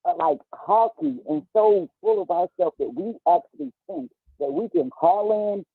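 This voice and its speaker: A man's voice: sits high, huge pitch swings, vocal fry, breathy edge, no room sound. Man, muffled through a bluetooth earpiece, tinny phone line, dry sound. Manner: quick, impassioned, speaking quietly. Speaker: caller. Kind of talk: call-in comment on a live show. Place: work break room. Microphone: Bluetooth earpiece on a phone call.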